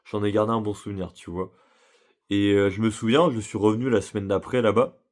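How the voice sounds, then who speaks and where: Man, low-pitched, chatty and slangy, storytelling to camera. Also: steady tone, a little fast. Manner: slangy, chatty, addresses listener directly. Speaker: vlogger.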